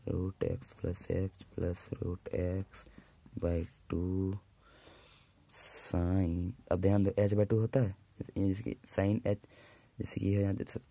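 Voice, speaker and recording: A man teaching a maths lesson at a whiteboard. He dictates formulas slowly and drawn out, with brisk asides to his students. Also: sits low, vocal fry, mellow.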